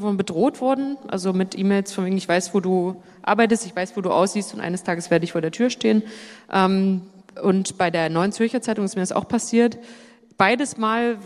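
Woman moderating a panel in a hall. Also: medium pitch. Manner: brisk, organizing speakers and questions. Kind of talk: moderating a live panel discussion. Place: conference hall with audience. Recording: long hall reverb.

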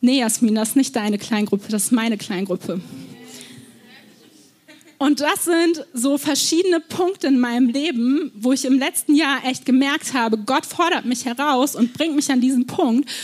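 A young woman preaches with a fairly high voice, earnest and personal. She tells stories from her own life and often stops on small fillers as she speaks. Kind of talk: sermon.

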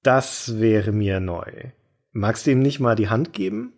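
A man's voice: fairly low pitch, measured pace, a little mellow. A man hosting comedic scripted banter, playful and mock-exasperated. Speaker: host.

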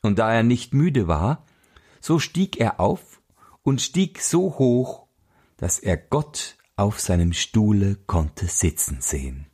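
A man reading a fairy tale aloud in an expressive, unhurried storytelling manner. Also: on the low side, slightly rough. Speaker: narrator.

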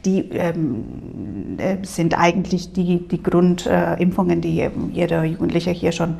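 Speaking German though Spanish is her native tongue, a woman from Spain gives interview answers as an exchange program advisor in a language school room. Her fairly low, dark voice has a gravelly creak, and her frequent hesitations come padded with filler sounds alongside minor grammatical mistakes.

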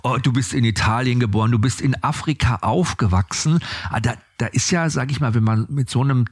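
A man's voice: mid-range voice, fairly quick, dry recording. A man hosting an interview, asking questions in an enthusiastic, chatty manner. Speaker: host. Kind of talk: casual interview talk.

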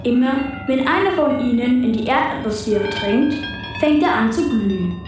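A woman's voice: on the high side, animated, moderate pace, close to an everyday voice. Woman doing curious childlike talking planet, kids radio, far off in big echo, music under it. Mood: curious, chatty. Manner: playful, chatty, addresses listeners as earthlings. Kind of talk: scripted children's radio play. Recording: echoing, distant, music bed.

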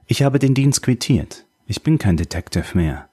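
A man's voice: mid-range voice, sing-song, normal speed, mellow, husky, voice pushed up. A man reading an audiobook, voicing a worn-out female ex-detective who speaks bluntly and curtly. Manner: blunt, curt and cutting.

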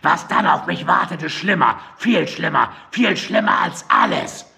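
A man's voice: takes it slowly, darkish tone. A man voicing a deranged, drug-addicted young woman who shrieks and mumbles in an audiobook. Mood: shrieking. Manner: shrill, shrieking, frantic. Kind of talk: audiobook character voice.

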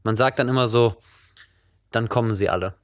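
A man's voice: mid-range voice, fairly quick, no echo, clean studio sound. A man interviewing a musician, asking curious questions in a casual conversational way.

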